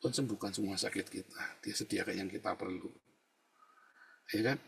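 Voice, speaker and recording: A middle-aged male pastor giving an informal, chatty sermon, telling stories, often addressing listeners as brothers and sisters, and rising to loud indignant emphasis. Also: lowish voice, fairly quick, gravelly, slight background noise. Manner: chatty storytelling, often adds "saudara ya".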